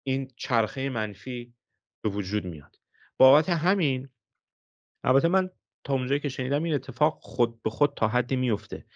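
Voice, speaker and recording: A man's voice: mid-range voice, animated, lo-fi sound. A man in his thirties, a social psychologist, explaining ideas with examples in an interview, correcting himself as he goes.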